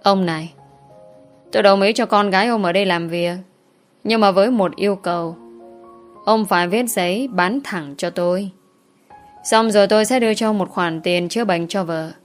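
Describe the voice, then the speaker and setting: A woman's voice: mid-range voice, normal speed, long pauses, faint music behind, lightly acted. A woman voicing a lecherous old male landlord who talks bluntly and mockingly. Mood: haughty.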